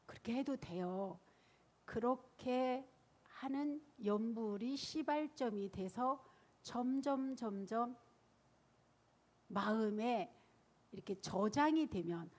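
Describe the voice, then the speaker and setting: A woman, a Buddhist nun, giving a sermon and telling stories in a lively, animated way. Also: a little high. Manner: lively storytelling, animated and laughing.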